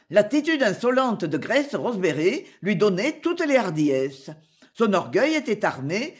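Audiobook narrator, literary reading, animated pitch, measured storytelling. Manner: slow, expressive storytelling.

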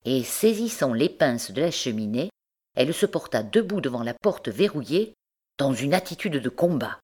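A woman narrating a literary story in a measured, expressive way. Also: very deep voice. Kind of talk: audiobook narration.

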